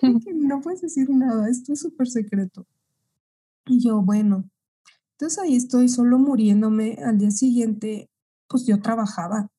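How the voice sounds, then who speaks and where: Young mexican woman spinning a story, high-pitched, warm low-key tone. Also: measured pace, breathy edge. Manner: animated, acts out quoted voices, laughs often. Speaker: guest. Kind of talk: casual storytelling.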